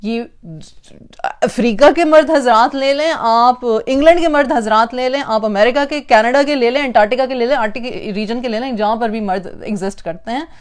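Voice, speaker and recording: A parenting speaker gives an emphatic lecture, repeating phrases for stress and mixing in English words. Her voice is on the high side, smooth, and moderately paced.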